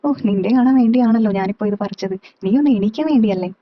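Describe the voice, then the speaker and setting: A woman's voice: fairly high pitch, fast talker, lightly acted. A woman reading as a teasing, playful aunt. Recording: slightly dull, dry recording.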